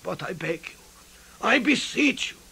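An earnest old professor in a radio drama, with a voice that is gravelly and rough. He pleads and presses hard, and his pitch swings high and low. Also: big pitch swings, unhurried, bright, forceful tone, exaggerated voice. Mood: urgent. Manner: emphatic, pleading. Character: elderly male professor, earnest and urgent.

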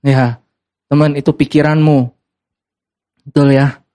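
A man preaching a sermon to a congregation in a relaxed, conversational way, asking the audience questions and slipping into English phrases. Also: slow. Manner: rises sharply in pitch for emphasis. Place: church hall before a live congregation.

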